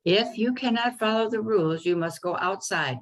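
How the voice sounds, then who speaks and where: A woman's voice: mid-range voice, moderate pace, pitched above the performer's own voice, lightly acted. A woman voicing a strict female librarian, pictured as a dragon, who scolds sternly. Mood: scolding.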